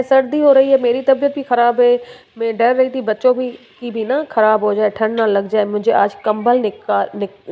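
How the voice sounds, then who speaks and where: A woman's voice: a little high, dull audio. Chatty woman vlogging at home. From Sindh, Pakistan. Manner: chatty, addresses viewers warmly with fillers. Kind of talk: casual voice-over narration. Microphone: phone.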